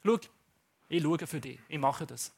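A man's voice: a little high, unhurried, creaky, slightly rough, pitched below the performer's own voice, exaggerated voice. A man with a Swiss German accent voicing a scheming queen who scolds her husband brusquely. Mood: scolding. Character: scheming queen, bossy and scornful.

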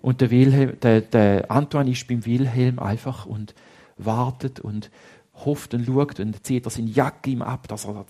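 A man with a Swiss German accent telling a story to children in a lively way, dropping to hushed tones for suspense, in a husky voice. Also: mid-range voice, a little slow.

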